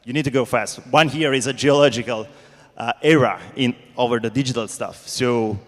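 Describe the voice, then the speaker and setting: An Italian-accented man speaks as a startup founder on a panel, in an informal and blunt way. His English is halting and non-native, at a medium pitch. The sound rings in a large hall. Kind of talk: informal spoken panel answer. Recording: reverberant hall.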